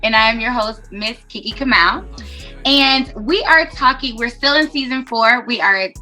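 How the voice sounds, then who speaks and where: Casting: bubbly woman podcast host, high bright voice, chatty and loose. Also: normal speed, soft background music. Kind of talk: casual video podcast interview.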